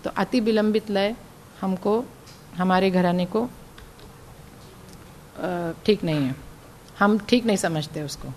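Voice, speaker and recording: A woman who sings classical music, explaining its theory in a slow, explanatory way. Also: mid-range voice, darkish tone, slight background noise. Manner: slow, explanatory, reciting drum syllables and sung notes. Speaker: classical vocalist and music teacher.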